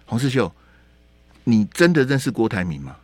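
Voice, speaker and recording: 一位带台湾口音的男电台主持人，语气激动地评论时事，常连声反问、重复字句。. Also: male voice, mid-range voice, big pitch swings, moderate pace, no echo. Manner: heated, rhetorical questions, repeats words. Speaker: radio talk show host. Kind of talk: opinionated political commentary. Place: radio studio.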